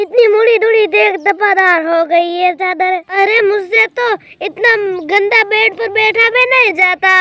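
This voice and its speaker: For a Hindi cartoon story dialogue, a woman voices a middle-aged, exasperated mother bird who scolds and lectures using affectionate words. It's a full character voice, extremely high-pitched, bright, and forceful.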